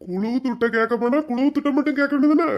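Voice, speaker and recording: Brief: woman voicing an angry bullying husband in a cartoon, high-pitched, slightly muffled. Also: fast talker, close to an everyday voice. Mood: scolding. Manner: shouting threats, scolding.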